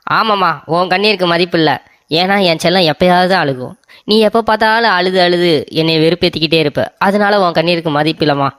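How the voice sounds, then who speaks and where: A doting young husband, voiced for a cartoon story, rushing out sweet reassurances to his wife. His mid-pitched voice moves fast and sounds dry and close. He fawns and pleads with everyone in turn. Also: fairly bright tone, no room sound, close to an everyday voice. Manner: fawning and soothing toward his wife. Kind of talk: animated storybook voice acting.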